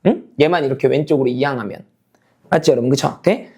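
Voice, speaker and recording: Teaching math to a class, a man works through each step, restates the key points, and keeps checking that students follow, moving between casual and polite registers. He talks quickly in a mid-range, slightly mellow voice with a breathy edge.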